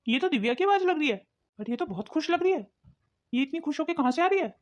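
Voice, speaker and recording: A woman plays a suspicious young husband in a cartoon, pitched high for a man and talking fast. The sound is a little dull. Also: animated, a little mellow. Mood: puzzled. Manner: suspicious, questioning. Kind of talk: cartoon voice acting.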